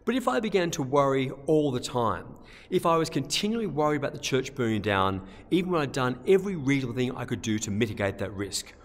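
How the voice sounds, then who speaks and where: A man, a priest giving a gentle, conversational homily in a church, often repeating himself. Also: medium pitch, very animated, fast. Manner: gentle, conversational, with frequent repetitions. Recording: long church reverb.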